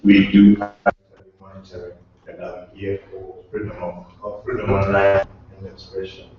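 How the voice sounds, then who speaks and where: A man from Zimbabwe introduces himself in a plain, somewhat hesitant way. His voice sits a little low. The sound is distant, muffled and soaked in room echo, with a background hiss. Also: completely flat delivery, normal speed. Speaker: course participant. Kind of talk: self-introduction. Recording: echoey room, distant mic, dull sound.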